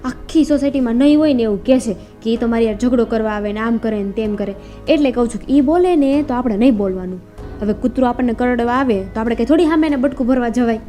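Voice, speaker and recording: A woman playing a gentle, mellow young peacemaker. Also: a little high, quick pace, soft background music, natural voice. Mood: pleading. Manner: pleading, conciliatory.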